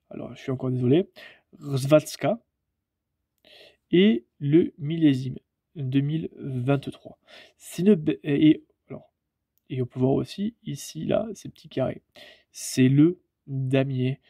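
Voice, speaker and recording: A young man with a French accent presenting a coin in a relaxed, hesitant way with many fillers. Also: medium pitch, creaky, slightly rough, no echo, studio quality. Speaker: coin collector YouTuber.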